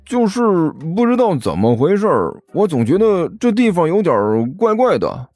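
A man's voice: high-pitched, wildly swooping pitch, normal speed, darkish tone, no echo, soft background music, voice pushed up, heavily acted. A man voicing a timid, hesitant young male apprentice who stammers and speaks in a raised voice.

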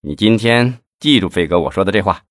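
A man reading the part of a scheming middle-aged male official, speaking low and conspiratorially. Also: expressive, brisk, no room sound, studio quality, natural voice. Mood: hushed scheming.

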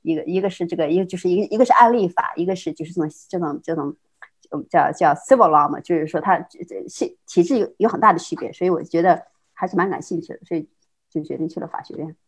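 Fast-talking middle-aged woman telling her story. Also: on the low side, breathy edge. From China. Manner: fast, with many repeated words and restarts, frequent laughs. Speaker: interview guest. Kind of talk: casual conversational storytelling.

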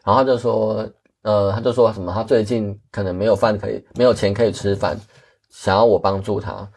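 A man's voice: on the low side, steady tone, brisk, a little mellow, breathy edge. A man, a guest earnestly telling travel stories in casual chat. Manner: earnest, candid, many restarts.

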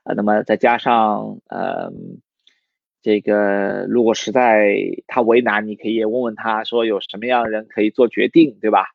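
A man's voice: fairly low pitch, steady tone, normal speed, vocal fry, dry recording, phone-quality sound. A man giving a casual livestream lesson on recruiting sales, talking loosely with plenty of fillers and restarts and putting questions to his audience. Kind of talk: livestream teaching talk.

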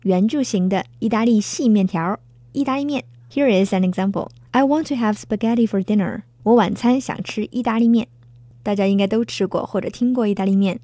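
A woman's voice: medium pitch, warm tone, dry recording. A woman hosting a bilingual English lesson in a playful, chatty way, laughing often. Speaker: language lesson host. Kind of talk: bilingual casual lesson narration.

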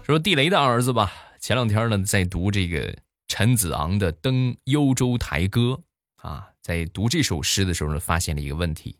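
Animated low-voiced male comic storyteller. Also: moderate pace, no echo. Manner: animated, playful, exaggerated punchlines. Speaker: comedian.

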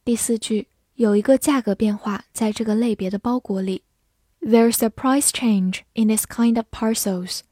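A woman teaching an English vocabulary lesson, reading each word slowly and carefully, then explaining it. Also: a little high, fairly even intonation, mellow, no room sound, studio quality.

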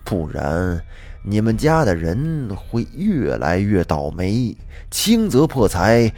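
A man voicing a middle-aged male Taoist feng shui master who speaks in slow, drawn-out pronouncements. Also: fairly low pitch, sing-song, darkish tone, heavily acted. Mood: solemn.

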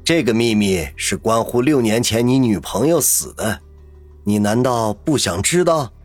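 Brief: male actor as a sneering mystery villain in an audio drama, husky, lowish voice, dry close sound. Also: animated, a little slow, dry recording, soft background music. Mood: cold menace. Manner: sneering, mocking. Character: cold, taunting mysterious male captor.

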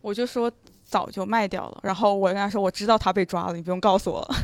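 Fast-talking young woman telling a story. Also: mid-range voice, no room sound. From China. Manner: animated, rushed storytelling with repeated restarts. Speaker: guest listener. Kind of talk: casual storytelling chat.

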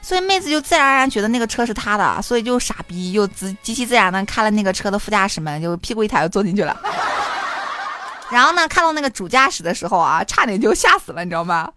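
A woman's voice: medium pitch, racing, hardly any pauses. A young woman hosting a show, telling a funny story with lots of giggling and casual cussing. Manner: animated, giggly, cusses casually. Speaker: host. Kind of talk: comic storytelling.

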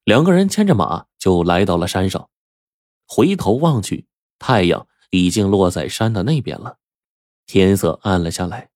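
A man narrating a serialized folk tale as a storyteller, with expressive, dramatic delivery. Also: sits low, moderate pace, dry recording, studio quality.

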